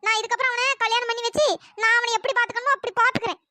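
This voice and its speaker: A spiteful middle-aged mother-in-law in a cartoon story, played by a performer. She sneers and gives orders in a very high, bright voice. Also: steady tone, rapid-fire, slight background noise, exaggerated voice. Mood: scornful. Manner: sneering, bossy.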